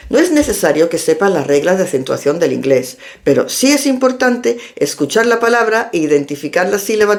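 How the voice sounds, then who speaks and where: A woman who is an English teacher and linguist, giving a clear, step-by-step explanatory language lesson. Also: mid-range voice. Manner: clear, step-by-step instructive delivery.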